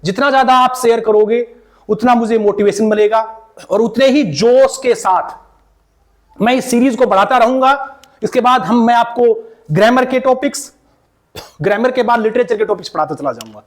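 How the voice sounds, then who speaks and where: A man teaching English pronunciation, repeating each word slowly again and again as a drill and calling his viewers "beta" in a fatherly way. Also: very high-pitched. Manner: slow, repeats words many times for drill. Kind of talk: pronunciation lesson.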